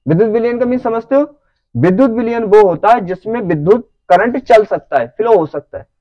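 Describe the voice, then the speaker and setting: Male teacher, fairly high voice, dry close sound, keeps checking the class follows. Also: expressive, brisk, no echo, dull audio. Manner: checks understanding with repeated questions. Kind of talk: classroom lecture.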